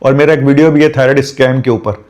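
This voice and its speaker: A man's voice: medium pitch, fairly even intonation, quick pace, darkish tone. A middle-aged man, a doctor, giving emphatic, direct health advice in a video. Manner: emphatic, pleading and direct with viewers.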